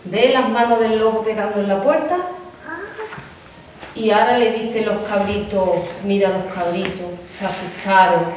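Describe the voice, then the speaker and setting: A woman reading a storybook aloud to young children in a classroom, animated and asking them questions. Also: medium pitch, a little hiss or hum. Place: school classroom. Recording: echoey, distant, dull room recording.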